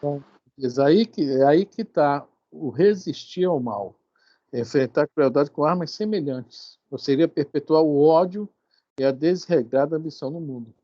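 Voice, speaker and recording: A man with a Brazilian Portuguese accent leads a study group, chatting loosely through the reading with plenty of asides. His voice is warm and mellow, carried over dull lo-fi call audio. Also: a little high, moderate pace, dry recording. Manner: conversational, rambling with fillers. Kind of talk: casual explanatory commentary.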